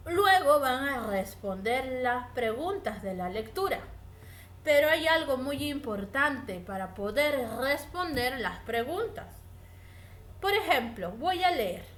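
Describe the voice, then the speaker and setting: A woman teacher giving a recorded reading lesson, speaking clearly and directly to her students. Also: high-pitched, a bit bright. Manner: slow, clear, instructive, addresses students directly. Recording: echoey room with faint ambient noise.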